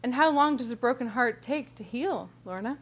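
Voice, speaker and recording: A woman voicing a quiet, defeated man who speaks softly and low. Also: animated, moderate pace, breathy edge. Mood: hushed. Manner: soft, low and hushed.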